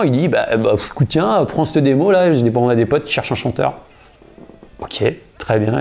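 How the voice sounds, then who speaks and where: In a laid-back interview, an American man in his thirties who plays guitar and sings recounts a story in a medium-pitched voice. He leans heavily on slang, often starting sentences over and pausing with filler words.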